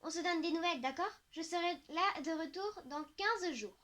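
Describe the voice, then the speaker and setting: A woman voicing an excited, teasing teenage schoolgirl in an audiobook. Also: very high-pitched, normal speed. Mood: chatty. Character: bubbly boy-crazy teenage schoolgirl. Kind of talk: audiobook character voice.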